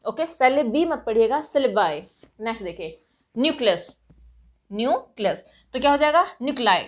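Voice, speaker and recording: High-voiced Indian woman teaching grammar. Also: lively intonation, brisk. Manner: explains patiently, often checks in with "right" and "okay". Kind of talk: exam-prep grammar lesson.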